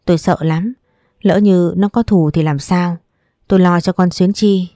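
A woman voicing a distraught mother, hoarse from crying, who pleads in anguish. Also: lowish voice, fairly even intonation, measured pace, dark tone, dry recording, studio quality, lightly acted. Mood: worried. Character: distraught mother, tearful and frantic.

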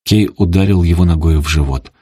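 A man narrating an audiobook in a steady, dramatic storytelling manner. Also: deep voice, brisk, slightly rough, no echo, clean studio sound. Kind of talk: audiobook reading.

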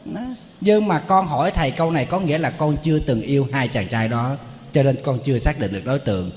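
A man's voice: mid-range voice, fast, darkish tone, in a large hall. A man, a Buddhist monk giving a humorous, storytelling sermon.

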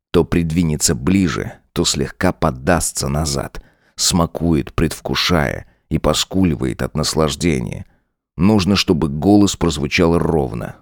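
Male narrator, low voice, lively intonation, dramatic audiobook reading. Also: no room sound, clean studio sound. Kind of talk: scripted narration.

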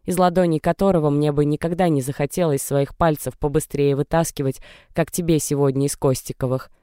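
An audiobook narrator voicing a distressed young pregnant woman, defiant and tearful, in a dry, clear studio read. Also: mid-range voice, fairly even intonation, a little fast, warm tone, dry recording, natural voice. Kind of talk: audiobook character reading.

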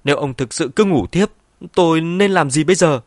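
A man's voice: medium pitch, very animated, brisk, no echo, clean studio sound. A man voicing a ruthless, two-faced middle-aged woman in an audiobook, switching between cold menace and false wailing. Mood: fake wailing. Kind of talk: audiobook character voice.

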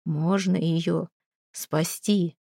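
A woman voicing a gruff, grieving male village head who talks in a low, slow, heavy rumble. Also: steady tone, warm tone, no room sound, clean studio sound, natural voice. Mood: pleading.

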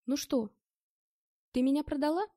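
A woman narrator voices a desperate, hunted man in an audiobook. He mumbles in a strained, wary undertone, mellow and a little high. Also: a little fast, no room sound, clean studio sound. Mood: tense. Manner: muttered, strained speech. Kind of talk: audiobook character voice.

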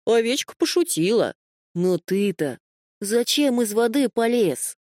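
A woman voicing a gruff, fussy male beaver who scolds and grumbles. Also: fairly high pitch, lively intonation, a little slow, a little mellow, no room sound, studio quality, pitched above the performer's own voice.

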